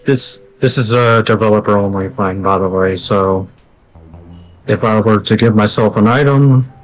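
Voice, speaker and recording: A young man showing off the game he is developing, relaxed and explaining, laughing often. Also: on the low side, moderate pace, low-quality recording. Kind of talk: casual gameplay walkthrough.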